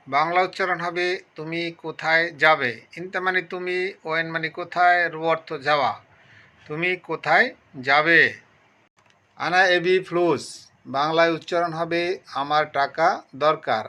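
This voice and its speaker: A man's voice: on the high side, pushed and bright. A man giving a phrase-by-phrase language lesson, methodically explaining each word and then repeating the full meaning. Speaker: language teacher.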